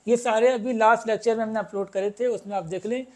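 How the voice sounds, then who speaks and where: A man with a very high voice, teaching a chemistry class. He reads out exam questions in a slow, careful way, then explains each one and keeps checking that his students have understood. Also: fairly even intonation, a little mellow. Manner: addresses students as "beta", keeps asking if it is clear; reads English questions slowly, explains in Hindi. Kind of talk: chemistry lesson.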